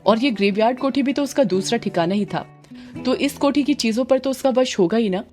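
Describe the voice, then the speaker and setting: Woman voicing a calm young man, thoughtful, sleepy, audio storybook, guitar behind. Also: a little high, brisk, close to an everyday voice. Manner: reasoning, calm.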